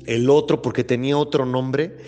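A man hosts a faith podcast in an earnest, rambling way, circling back and restarting his sentences. His voice sits at an ordinary middle pitch. Soft music plays faintly behind him. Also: fairly even intonation, moderate pace. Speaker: podcast host. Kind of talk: casual faith-based podcast conversation.

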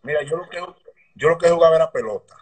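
A man with a Dominican accent, a mechanic telling stories from his past in a relaxed, rambling way in an interview over a video call. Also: a little high, fast. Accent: Dominican Spanish. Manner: relaxed, rambling anecdotes with slang. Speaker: guest, motorbike mechanic. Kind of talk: casual interview storytelling. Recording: distant video call audio.

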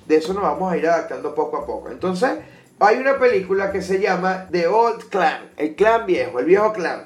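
Joking Venezuelan man, roomy echo. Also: on the high side. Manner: joking, rambling, slangy. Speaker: podcast host. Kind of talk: casual solo podcast monologue. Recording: echoey room with faint music.

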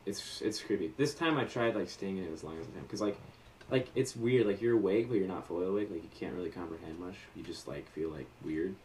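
A man co-hosting a casual podcast, reading listener stories aloud and tossing in deadpan jokes. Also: low voice, fast. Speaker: podcast co-host. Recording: roomy sound from a distant mic with faint noise.

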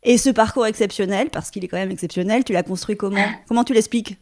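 A woman hosting a podcast, reading a lively scripted welcome over music, then asking her guest questions. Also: medium pitch, fast talker. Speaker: podcast host.

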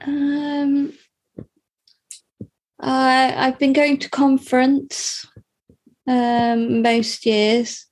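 A woman's voice: sits high, level tone, very slow, pauses often. A young woman from the UK, talking hesitantly about her life in an interview, with many fillers and restarts. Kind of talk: personal interview.

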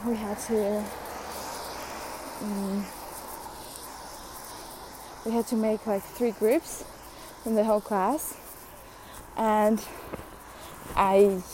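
Slow-talking young woman venting casually. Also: mid-range voice, background noise. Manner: chatty, blunt, swears, many fillers. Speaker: vlogger.

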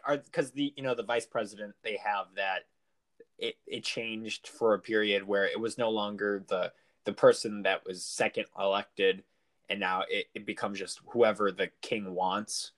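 A man's voice: on the low side, a bit bright. A man in a casual discussion who asks curious follow-up questions, restarting his sentences as he thinks.

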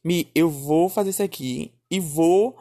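Guy telling a wild story, super animated, chatty, calls everyone darling. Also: on the high side, measured pace. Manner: animated, addresses listeners as darling and my son. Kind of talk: casual storytelling.

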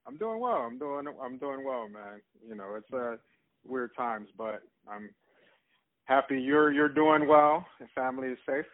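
Relaxed interviewer on a tinny line. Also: male voice, mid-range voice, a little slow. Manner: relaxed, friendly, hesitant fillers. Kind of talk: casual interview. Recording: tinny phone-like call line.

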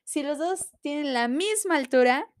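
Young Mexican woman, slightly high voice, casual playful vlog commentary with sudden high exclamations. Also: a little slow. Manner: chatty, animated, uses gender-neutral forms, bursts into high exclamations. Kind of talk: casual commentary reacting to a list of rules.

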